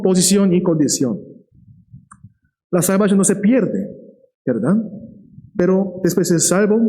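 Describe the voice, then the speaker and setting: A man preaching a sermon with a fairly high, mellow voice. He keeps checking in with his listeners with short questions and slows down to lean on key words. His delivery is lively and direct. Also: low-quality recording. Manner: lively, checks in with the listeners, often asking "¿verdad?".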